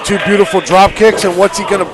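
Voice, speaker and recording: A man with a fairly high voice does color as a wrestling commentator. He is informal, slangy and opinionated, and clear venue noise surrounds him. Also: flat delivery, fast talker, over a noisy crowd. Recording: clearly noisy live venue.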